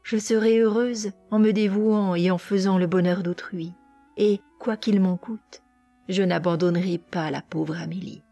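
A woman voicing a gentle, devout young princess who speaks softly and earnestly, in an audiobook reading. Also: medium pitch, steady tone, unhurried, no echo, dull audio, soft background music. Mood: musing. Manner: soft, tender and earnest.

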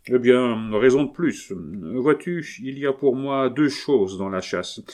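A man reading aloud voices a kindly, gruff captain in his late fifties, an old hunter who talks to his son in an earnest, fatherly way. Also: mid-range voice, lively intonation, slow pace, darkish tone, pitched above the performer's own voice. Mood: explaining. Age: 50s.

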